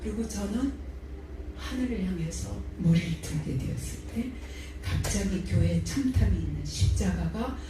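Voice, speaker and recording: A woman giving an emotional testimony sermon, her voice climbing in pitch at the high points of the story. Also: lively intonation, normal speed. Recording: echoey church hall from far off, faint noise.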